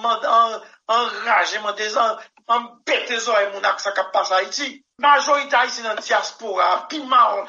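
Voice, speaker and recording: A man's voice: extremely high pitch, sharp tone. A man, a musician answering interview questions in a rambling, emphatic way and often saying "mon cher". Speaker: musician guest. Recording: dull lo-fi recording.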